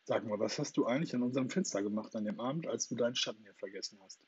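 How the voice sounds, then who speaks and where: A husky-voiced man voicing a cheerful, eager young girl in a storybook reading, his voice lifted higher and brighter, on a dull lo-fi recording. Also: rapid-fire, no echo, lightly acted. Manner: excited, raised voice.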